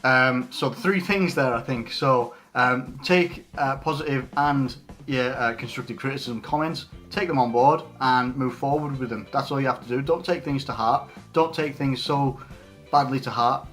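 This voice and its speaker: A man in his late twenties from England chats through viewer questions off the cuff. He rambles and restarts his sentences, leaning on fillers as he goes. His voice sits at a middling pitch, and faint music plays underneath. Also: normal speed, fairly bright tone. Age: 20s. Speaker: YouTuber answering viewer questions. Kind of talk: unscripted casual Q&A.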